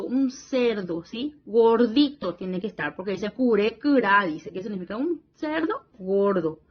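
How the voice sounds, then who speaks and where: A woman teacher talking young children through a worksheet, slow and patient, often praising and checking they follow along. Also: a little high, highs cut off. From Paraguay region.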